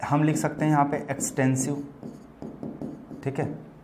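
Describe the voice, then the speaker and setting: Guy teaching english words in hindi, keeps saying theek hai, drags out the examples slow. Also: a little high, little pitch movement, noisy background. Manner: addresses students as bachelors "bachche", repeats "theek hai" often; stretches out words and example sentences slowly. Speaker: vocabulary teacher. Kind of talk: classroom vocabulary lesson.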